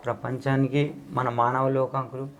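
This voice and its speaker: A middle-aged man from Telangana, a folk singer with a Telangana Telugu accent, speaking humbly and quickly and singing devotional verses slowly. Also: monotone, a bit bright, a little hiss or hum. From Telangana, India. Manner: rapid and humble, singing slow and high. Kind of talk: village interview chat, then devotional folk song.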